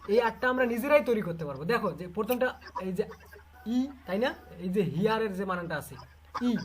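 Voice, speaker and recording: An English literature teacher with a Bangladeshi Bengali accent runs an online class, repeating sounds again and again and quizzing the students. Her mid-range voice is animated and moderately paced, with a slight hiss or hum.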